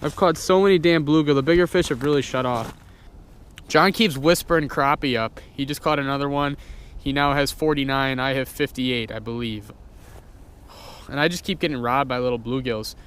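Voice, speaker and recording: A young adult man, a vlogger who hosts fishing content, talks to camera on a frozen pond and by a river, excitable, informal, and swearing freely. His mid-range voice keeps a normal speed. A handheld or body-worn action camera records noisy outdoor audio.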